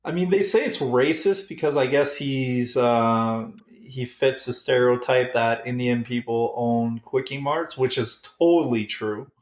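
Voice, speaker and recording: A man chats loosely as a podcast co-host, stumbling through restarts and fillers. He speaks slowly and unhurriedly, and his voice rings in a roomy, echoey space. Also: mid-range voice. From Canada. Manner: halting, many restarts and fillers. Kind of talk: casual chat.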